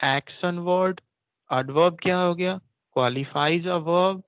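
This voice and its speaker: A man's voice: sits high, smooth, dry recording. Guy teaching grammar online, keeps repeating words and quizzing, dry muffled class audio. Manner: repeats and drills terms, asks quick questions. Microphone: computer mic, online class.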